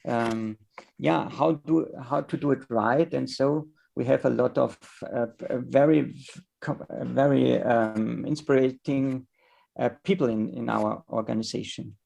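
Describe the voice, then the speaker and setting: Gravelly German-accented man presenting. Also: mid-range voice, warm tone. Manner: halting, searching for words. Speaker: conference speaker. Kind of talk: conference presentation.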